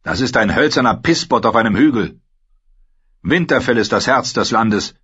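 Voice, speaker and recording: Man doing a proud angry young lord, defensive, husky voice, muffled lo-fi audio. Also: mid-range voice, expressive, moderate pace, fairly bright tone, voice pushed up. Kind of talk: audiobook character voice.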